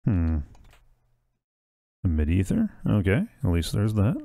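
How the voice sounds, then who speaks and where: A man's voice: low-pitched, huge pitch swings, unhurried, gravelly, mellow, no room sound. A middle-aged man giving casual, wry video game commentary, muttering to himself and reading text aloud into a close desk microphone. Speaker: gamer and host of a playthrough series. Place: small indoor room. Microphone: desk microphone close to the mouth. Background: video game music.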